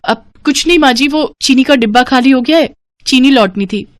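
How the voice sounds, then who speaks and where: A put-upon young daughter-in-law, voiced by a woman in a cartoon story, grumbling and pleading with her stingy mother-in-law. Her voice is raised and bright, recorded dry and close. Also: high voice, normal speed, no echo, pitched above the performer's own voice, lightly acted. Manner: complaining, pleading.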